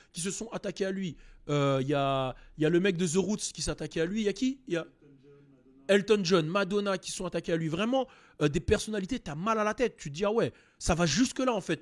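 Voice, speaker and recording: A man hosting a casual rap commentary, animated and digressive, jumping into raised voices to act out what people said. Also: sits high. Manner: digressive and joking. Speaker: host.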